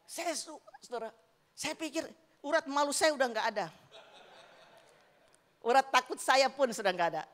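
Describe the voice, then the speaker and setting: A middle-aged woman preaching a sermon with personal stories, telling them in a lively way and often calling out to the congregation. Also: high voice, normal speed, pauses often. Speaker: evangelist preacher. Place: church sanctuary. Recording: long reverb of a church hall.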